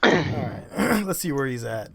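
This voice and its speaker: A man chatting casually while playing an online game with a friend, upbeat and quick to laugh. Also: fairly high pitch, creaky, breathy edge. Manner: upbeat, laughs often, excitable. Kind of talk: casual gaming chat.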